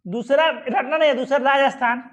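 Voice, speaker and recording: A man's voice: very high-pitched, normal speed, fairly bright tone. A male teacher giving an exam-prep geography lesson at a map, asking questions and answering them himself, with many reassuring asides. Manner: asks questions and answers them himself, repeating "ठीक है" and "आराम से".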